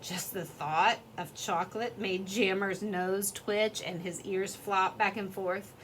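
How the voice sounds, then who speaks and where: Woman reading a kids story, lively and expressive, bright clear voice, a little faint noise behind. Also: mid-range voice, takes it slowly.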